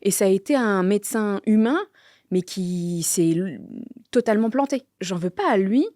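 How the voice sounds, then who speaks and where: A woman, telling her own story candidly, halting with many fillers and sometimes dropping to a near-whisper. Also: medium pitch, expressive, dark tone, no echo, studio quality. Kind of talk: personal testimony.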